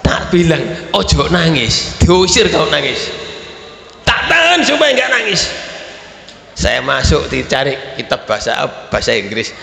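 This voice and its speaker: Javanese kyai telling stories in a sermon, bright gravelly voice, big echoey hall. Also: male voice, a little high, moderate pace. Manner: animated storytelling, at times shouting. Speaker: kyai preacher. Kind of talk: storytelling sermon. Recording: reverberant hall with faint ambience.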